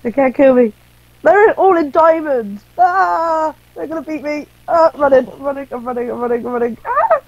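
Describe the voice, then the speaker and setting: A woman from England chatting casually while playing a game, excitable and quick to yelp in panic, on a slightly muffled headset mic. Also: high-pitched, dry recording. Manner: excitable, panicky yelps when in danger. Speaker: guest player. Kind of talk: casual gameplay chat.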